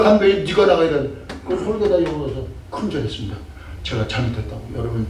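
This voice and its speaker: An older man preaching a sermon as a pastor, emphatic and full of rhetorical questions, sometimes acting out scolding. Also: medium pitch. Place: church sanctuary. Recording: echoey distant church mic with faint noise.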